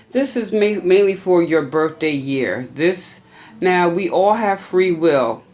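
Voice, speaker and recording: A tarot reader offers viewers a gentle, unhurried birthday reading, musing aloud and restarting phrases. The voice is medium-pitched.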